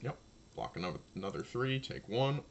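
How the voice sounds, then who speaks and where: A man casually commentating his own card game match, thinking aloud and talking to his opponent, his voice low and slightly gravelly. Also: very animated, brisk, a little hiss or hum.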